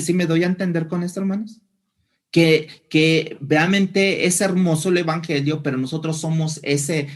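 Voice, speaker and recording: A male pastor delivers a sermon in a voice pitched a little above the usual for a man. He explains verses point by point and turns often to the congregation with questions.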